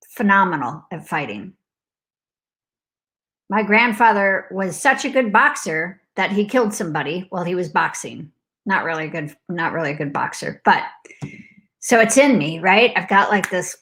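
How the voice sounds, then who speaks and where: A middle-aged woman telling a personal story in a casual way, animated and full of likes, acting out alarms and laughing often. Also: mid-range voice, moderate pace. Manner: talks in loose fragments with many likes. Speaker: host.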